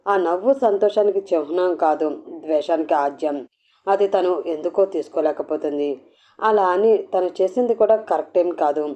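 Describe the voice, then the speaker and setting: Woman narrator, audio novel reading, low voice, dull lo-fi sound. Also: dark tone.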